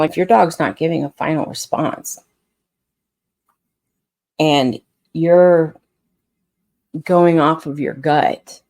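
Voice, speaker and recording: A woman's voice: deep voice, dark tone, no echo. A woman dog trainer in casual, unscripted talk, blunt and frustrated, rambling with frequent restarts. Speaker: scent work dog trainer.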